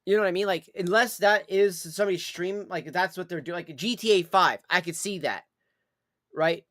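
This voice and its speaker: A man with a noticeably high-pitched voice talks off the cuff as a live streamer. His delivery is rambling and repetitive, with blunt, sweary casual wording. The sound is close and dry, with very little room echo. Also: normal speed, fairly bright tone. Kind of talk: casual livestream chat.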